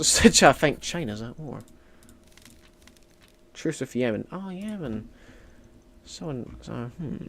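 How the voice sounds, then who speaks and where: A man's voice: medium pitch, slight background noise. A Scottish man streaming a strategy game, chatting casually and rambling with lots of "like" fillers. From Scotland. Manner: rambling, heavy use of "like" fillers.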